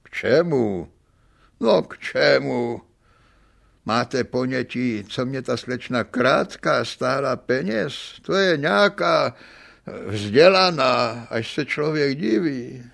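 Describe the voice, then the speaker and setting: A man's voice: mid-range voice, animated, gravelly, a bit bright, heavily acted. A man voicing an aggrieved middle-aged swindler on trial, complaining in a whiny, self-pitying way. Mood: indignant. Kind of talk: audiobook character reading.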